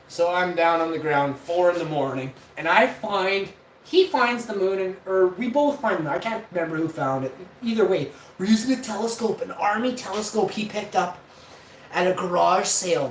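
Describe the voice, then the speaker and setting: A man in his forties telling a rambling, profane story in a casual vlog. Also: fairly high pitch. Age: 40s. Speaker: vlogger host. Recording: roomy, distant mic, faint noise.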